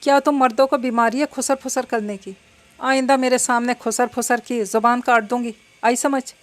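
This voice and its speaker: A woman's voice: fairly even intonation, moderate pace, close to an everyday voice. A woman voicing a spoiled, hot-tempered rich young woman who bosses people around and makes threats. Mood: angry. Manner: shrill, bossy, threatening.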